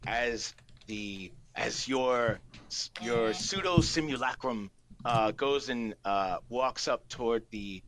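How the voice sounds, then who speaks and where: Guy running a tabletop game, normal pitch, lots of halting thinking out loud while he narrates. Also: a little hiss or hum, rough recording. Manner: hesitant, halting, piecing rules together aloud. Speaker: game master.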